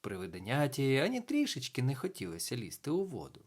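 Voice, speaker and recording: Expressive male storybook reader. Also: mid-range voice, a little fast. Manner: expressive, hushed in places. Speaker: audiobook narrator. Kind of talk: bedtime story reading.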